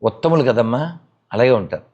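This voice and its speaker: A man delivers a religious talk. He scolds his listeners and fires off rhetorical questions one after another. His voice sits at an ordinary middle pitch for a man. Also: lively intonation, fairly quick, a little mellow, dull audio. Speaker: spiritual speaker. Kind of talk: religious discourse.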